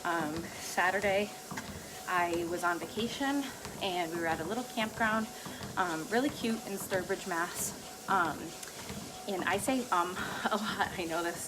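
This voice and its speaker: A woman's voice: lowish voice, background noise. A woman talking casually and ramblingly to herself as a vlogger while walking on a treadmill, often breaking into light chuckles. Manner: laughs lightly between phrases. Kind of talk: casual rambling solo talk.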